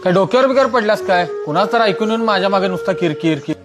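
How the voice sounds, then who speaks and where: A man's voice: high-pitched, animated, quick pace. An actor playing an irritated young husband who scolds his wife sharply. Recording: loud music under voice. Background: background music.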